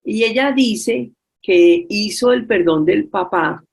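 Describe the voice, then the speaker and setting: A woman giving a storytelling religious talk over a video call, retelling a story with many filler pauses. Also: medium pitch, creaky, darkish tone, slightly rough. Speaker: speaker at a forgiveness workshop.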